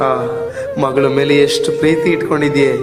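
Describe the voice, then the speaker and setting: A man's voice: medium pitch, flat delivery, brisk, close to an everyday voice. A man playing a poor laboring father who dotes on his only daughter, coaxing and earnest in a village stage play. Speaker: stage actor. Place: open stage at a temple festival. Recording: echoey hall with music.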